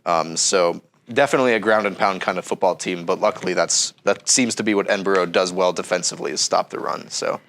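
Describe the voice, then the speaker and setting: A young man with a low voice talks fast with hardly any pauses, and there is a little hiss or hum in the audio. He co-hosts a casual sports chat while stuffy and under the weather from a cold, steadily and methodically running through stats with frequent ums.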